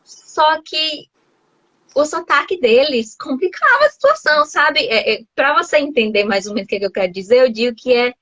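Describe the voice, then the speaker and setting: A woman's voice: high-pitched, very animated, normal speed, bright, forceful tone, no echo, highs cut off. A woman from Brazil chatting casually over a video call, laughing often and restarting her sentences. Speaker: host, English teacher living abroad.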